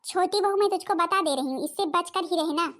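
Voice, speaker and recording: A woman voicing a sharp-tongued, scolding village mother-in-law in a cartoon, nagging and accusing. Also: very high-pitched, fairly quick. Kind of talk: cartoon voice acting.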